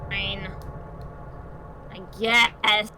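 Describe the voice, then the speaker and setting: A woman's voice: mid-range voice, little pitch movement, extremely slow, pushed and bright, slight background noise. A woman reacting on a stream with mocking, sarcastic comments. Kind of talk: casual chat reacting on stream.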